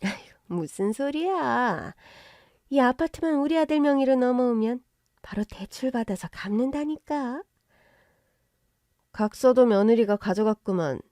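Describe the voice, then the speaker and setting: A woman voicing a pushy, indignant middle-aged mother-in-law who rants loudly. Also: on the high side, expressive, a little slow, no room sound, clean studio sound, pitched above the performer's own voice. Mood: defensive. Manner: loud, indignant, ranting.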